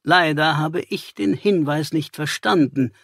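A male narrator voicing a calm, superior detective in an audiobook, slow and measured with a husky tone. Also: fairly high pitch, no echo, studio quality, full character voice.

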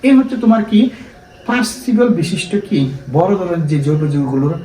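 Animated male teacher in an echoey room. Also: high-pitched, fast talker, recorded from a distance. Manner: frequent rhetorical questions to students. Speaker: chemistry teacher. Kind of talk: classroom lecture.

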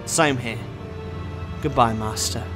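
A man's voice: mid-range voice, slow, lightly acted. A man playing a heroic, eccentric time-travelling adventurer in an audio drama, with a theatrical delivery. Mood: tender, resolute. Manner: theatrical, declamatory. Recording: music bed under the voice.

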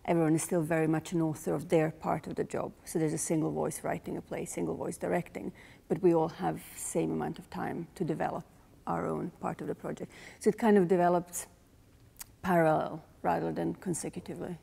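Woman with a Croatian accent, forties, director in interview, gravelly, thoughtful, searching for words. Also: low voice, level tone, a little fast, dark tone. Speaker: playwright and director. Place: large rehearsal hall indoors. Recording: long hall reverb.

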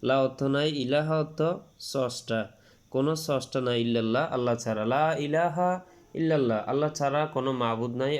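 A man's voice: medium pitch, clear, resonant tone. A man teaching Quran reading, spelling out each letter and vowel sign, drawing out the long vowels as he recites, and patiently repeating each rule. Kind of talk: spelled-out tajweed lesson.

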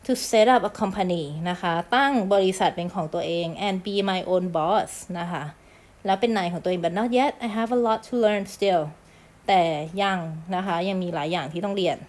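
A woman teacher from Thailand talks through a lesson in a friendly, chatty way. She slows down to read example phrases one word at a time and fills the gaps with polite endings and casual asides. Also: medium pitch, a little mellow. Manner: explains in Thai, reads English phrases slowly and clearly. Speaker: English teacher. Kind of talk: recorded lesson explanation.

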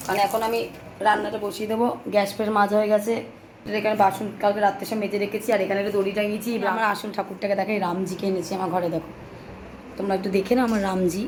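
A young woman speaks in a rapid, chatty stream, addressing her viewers directly. Her throat is hoarse. She records on a phone held in her hand at home, with a faint background hum. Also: mid-range voice, a little mellow, rough recording. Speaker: vlogger. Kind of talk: casual home vlog talk to viewers. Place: small home flat.

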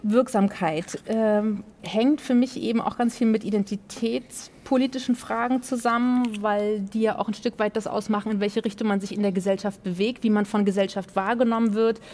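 A woman's voice: medium pitch, dark tone. A young woman moderating a panel on a theatre stage, earnest and hesitant with many fillers.

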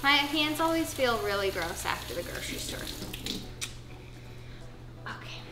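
A woman's voice: high voice, lively intonation, a little slow, echoey room, heavy background noise. A young woman vlogging casually from her home kitchen, chatting through her grocery haul item by item with lots of "um" and "like". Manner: chatty, filler-heavy, listing items one by one.

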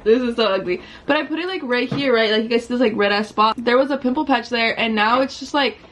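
Young woman vlogger, high bright voice, chatty and slangy, casual get-ready talk in a small bedroom. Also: quick pace. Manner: chatty, filler-heavy, slangy, laughs easily. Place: small pink bedroom indoors.

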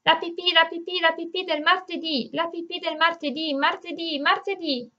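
A woman voicing a cheerful young girl in a storybook, bright and sing-song with giggly rhymes. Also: sits high, moderate pace, voice pushed up. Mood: sing-song giddy. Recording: dull lo-fi audiobook recording.

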